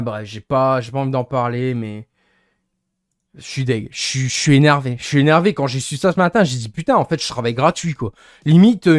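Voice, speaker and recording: Annoyed young man ranting. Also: a little high. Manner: rambling, gets annoyed, searches for words. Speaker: livestreamer. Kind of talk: casual venting to stream chat.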